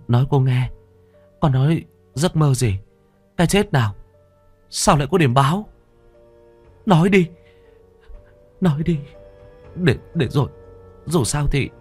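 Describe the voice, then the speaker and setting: A man voicing a frantic middle-aged mother who scolds in a shrill voice and then turns grave, in a told ghost story. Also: lively intonation, a little slow, long pauses, darkish tone, husky, soft background music.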